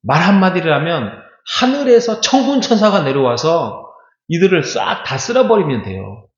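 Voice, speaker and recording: Middle-aged male pastor, slightly high voice, chatty preaching full of questions to the pews; roomy, dull lo-fi church recording. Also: big pitch swings, moderate pace. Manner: conversational preaching with rhetorical questions to the congregation. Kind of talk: sermon. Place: church sanctuary. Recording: echoey church hall, dull lo-fi sound.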